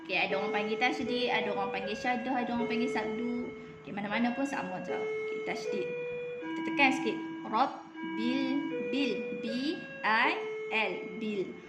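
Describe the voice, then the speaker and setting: A Malaysian woman teaching Quran recitation, patiently drilling each word slowly and repeating it for her class. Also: fairly high pitch, roomy sound, loud music behind the voice. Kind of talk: Quran reading lesson. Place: room at a clinic.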